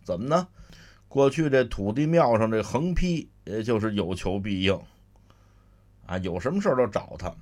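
A man's voice: fairly low pitch, lively intonation, moderate pace, darkish tone. A man with a Beijing accent performing solo comic storytelling, chatty, with explanatory asides to listeners. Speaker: solo crosstalk comedian.

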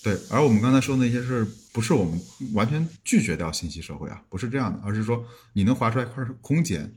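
A man's voice: medium pitch, animated, fast, a little mellow, breathy edge. A man around forty, a podcast guest, talking casually and reflectively with frequent restarts. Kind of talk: casual conversation.

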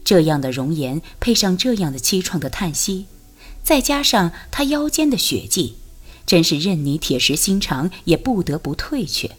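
A woman narrating a martial arts novel as an audiobook, in an expressive storytelling manner. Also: lowish voice, moderate pace, husky.

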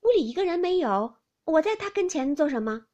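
A woman doing a sharp-tongued teasing young maid. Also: high-pitched, sing-song, a little fast, dull audio, voice pushed up. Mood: scolding. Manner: playful scolding, loud and bright.

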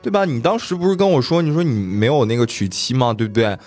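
A man's voice: medium pitch, quick pace, a little mellow, natural voice. A man voicing a proud, fiery young woman who has been wronged by her lover, speaking in a raised, pleading voice. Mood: hurt, pleading.

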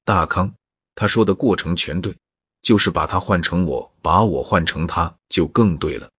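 A gruff, hot-tempered tough guy, as a storyteller puts him on, blunt and deep. The husky voice is recorded dry, storybook style. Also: normal speed, a bit bright, dry recording. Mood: indignant.

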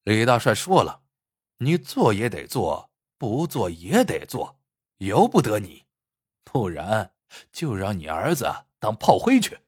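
A man's voice: lowish voice, sing-song, unhurried, pauses often, slightly rough, no room sound, studio quality, voice pushed down, heavily acted. A man voicing a bullying male steward of a warlord's household, threatening and sneering, in a spoken story.

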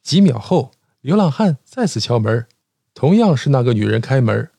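Lively, mellow-voiced male joke-teller. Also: mid-range voice, moderate pace, creaky, no echo. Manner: lively storytelling with acted dialogue. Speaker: host. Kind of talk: telling short jokes.

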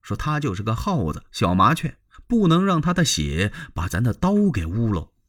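Man doing a stern old advisor, measured and in charge, husky tone. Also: medium pitch, very animated, fairly bright tone. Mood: calm. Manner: commanding, measured. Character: stern, composed older male court advisor. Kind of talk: traditional storytelling performance.

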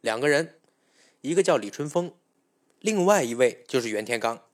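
A man's voice: mid-range voice, expressive, normal speed. A man telling a folk tale as a storyteller, chatty and speaking straight to the listener. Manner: chatty, addresses listener directly.

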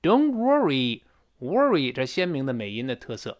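Animated male English teacher. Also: mid-range voice. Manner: animated, models English phrases slowly and repeatedly; explains in a lively, rising-and-falling teacherly voice. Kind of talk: recorded spoken-English lesson.

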